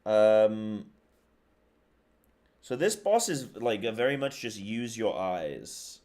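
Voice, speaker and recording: A man's voice: on the low side, very animated, slow pace, darkish tone. A man streaming live, chatting casually with viewers in a rambling, slangy way and repeating his phrases. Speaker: live streamer and esports caster. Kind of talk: casual livestream chat with viewers.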